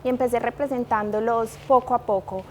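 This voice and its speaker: Colombian woman in her thirties, interview guest, fairly high voice, light hiss behind. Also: steady tone, fairly quick. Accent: Colombian, from Manizales. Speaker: guest, liquor brand manager. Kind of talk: interview conversation.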